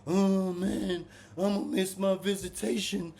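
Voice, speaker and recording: A man's voice: high-pitched, level tone, slow pace, gravelly, mellow, a little hiss or hum, pitched above the performer's own voice, full character voice. A man voicing a big grown jailmate who whines and pleads. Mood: whiny. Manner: whining, pleading.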